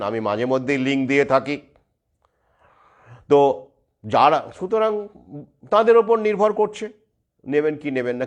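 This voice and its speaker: A man delivers a pressing commentary straight to his audience. He speaks with insistent emphasis and keeps firing rhetorical questions. His voice sits at an ordinary middle pitch. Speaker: video commentator. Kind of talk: monologue to camera viewers.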